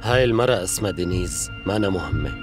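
An actor with a Syrian accent playing an obliging, conspiratorial prison guard in a dubbed drama, deferential in manner. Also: male voice, low voice, expressive, very fast, over music.

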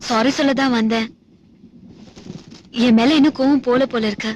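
An actress playing a young woman who seems sweet and apologetic but calmly carries out a revenge plan, with background noise behind her. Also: fairly high pitch, normal speed, lightly acted. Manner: soft and apologetic, calmly sly. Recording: film soundtrack with background noise.

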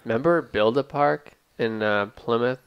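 A man's voice: medium pitch, moderate pace, clear, resonant tone, dry recording, muffled recording. A man in his thirties telling stories in an easygoing, agreeable podcast chat. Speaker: podcast co-host. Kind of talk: casual chat. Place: small studio room, indoors. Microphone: boom mic with headphones.

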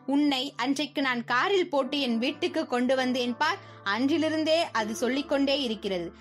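A woman's voice: sits high, normal speed, faint music behind, natural voice. A woman reading the lines of a scheming middle-aged male circus owner in a children's story, with a mocking, taunting manner.

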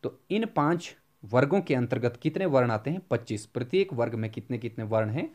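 A man giving an exam-prep Hindi grammar lecture, often asking a question and then answering it himself, and slowing down to spell out examples. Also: medium pitch, lively intonation.

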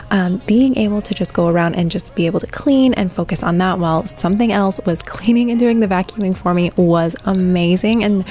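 A woman's voice: medium pitch, dark tone. A woman in her thirties chatting to viewers in a friendly, upbeat voice-over for her cleaning vlog. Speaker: cleaning vlogger.

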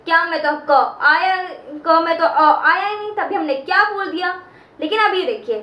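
A woman teaching a slow lesson, explaining step by step and repeating key terms. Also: extremely high pitch, pushed and bright. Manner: repeats key terms and draws out chanted sounds. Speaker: Sanskrit teacher. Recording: echoey room.

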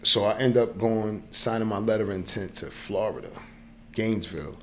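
A fortysomething man from New York, with the accent to match, is a guest on a podcast, casually sharing a story from his own life and frequently checking that the listener is with him. His voice is lowish and his pace normal. A slight hiss or hum comes through the close boom-arm podcast mic in the small indoor studio.

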